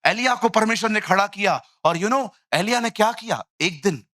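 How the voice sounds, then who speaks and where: Guy preaching, high bright voice, dry close sound, acts out stories. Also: normal speed, no room sound. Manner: animated storytelling, acts out quoted voices, jokey asides. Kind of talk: lively Hindi sermon mixed with English phrases.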